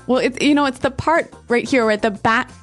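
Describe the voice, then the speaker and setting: A woman's voice: fairly high pitch, a little fast, faint music behind. A woman co-hosting a conversational English lesson, explaining informally with simple examples. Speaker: podcast co-host and English teacher.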